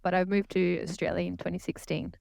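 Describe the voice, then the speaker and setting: A woman with a Brazilian accent, explaining her ideas in a thoughtful, measured way as a podcast guest. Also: lowish voice, level tone, creaky, a little mellow, dry recording, clean studio sound. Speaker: guest consultant. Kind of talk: podcast interview.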